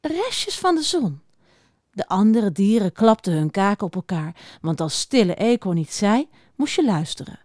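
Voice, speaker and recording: A woman reading a picture book aloud to young children, expressive and speaking right to them. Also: mid-range voice, moderate pace, hardly any pauses, no room sound, clean studio sound. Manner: expressive, talks directly to children.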